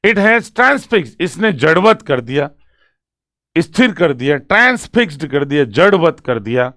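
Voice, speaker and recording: A male literature teacher who explains a poem's structure in Hindi. He reads the lines slowly and with stress, then breaks them down for exam students and keeps asking whether they follow. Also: a little high, very animated, fairly bright tone, no echo, studio quality. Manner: asks students check questions, writes on a board. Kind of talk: exam-prep poetry lecture mixing Hindi and English.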